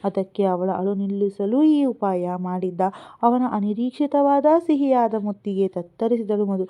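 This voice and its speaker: A woman storyteller narrating a romantic serial novel in an earnest, expressive way. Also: medium pitch, a little slow. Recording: tinny phone-like sound.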